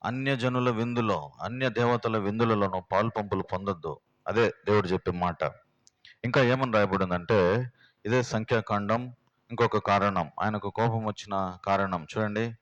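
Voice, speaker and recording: A man's voice: fairly low pitch, steady tone, moderate pace, a bit bright, dull audio. Man preaching. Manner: plain, homely, fires rhetorical questions at the congregation. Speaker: pastor. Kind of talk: sermon teaching. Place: prayer house.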